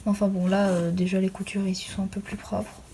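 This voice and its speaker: A woman's voice: mid-range voice, level tone, a little fast, dark tone. A young woman, chatting casually and self-deprecatingly as she shows her handmade crafts. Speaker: hobbyist crafter showing handmade doll accessories. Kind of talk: casual chatty show-and-tell. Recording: noisy home recording with clicks.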